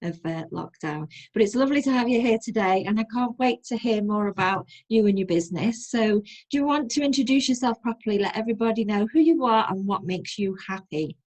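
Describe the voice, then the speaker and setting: A middle-aged woman hosting an interview, upbeat and encouraging, often going softer at the ends of phrases. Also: on the high side, fairly quick, hardly any pauses. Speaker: host, wellbeing coach. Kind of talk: hosted interview chat.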